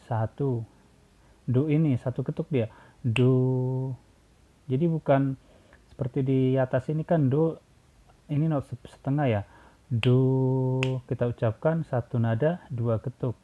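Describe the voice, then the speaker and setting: A man teaching a choir how to read number notation, explaining patiently, repeating himself and counting beats aloud. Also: medium pitch. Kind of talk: spoken music lesson, sung examples. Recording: tinny phone-like sound.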